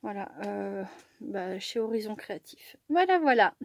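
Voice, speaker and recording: A woman's voice: medium pitch, expressive, measured pace, vocal fry, a little hiss or hum. A woman chatting casually about her craft supplies, self-mocking and full of fillers and restarts. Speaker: crafts vlogger. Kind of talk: casual crafting show-and-tell.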